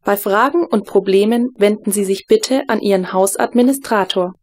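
A woman voicing a calm, polite female smart-home computer that speaks in even, announcing phrases. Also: medium pitch, normal speed, natural voice.

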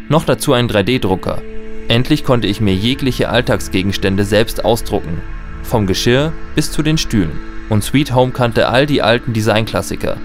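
Guy acting as low voiced nostalgic man telling his smart home story, radio drama, music behind. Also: natural voice. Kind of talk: radio drama narration and dialogue in first person.

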